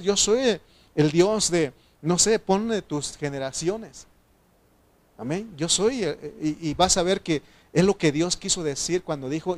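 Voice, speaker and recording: A man preaching a sermon to his congregation, talking about grief and resurrection, dropping to a soft, tearful tone and then rising to loud, fervent exhortation. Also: on the high side. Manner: emotional, swings from soft to loud.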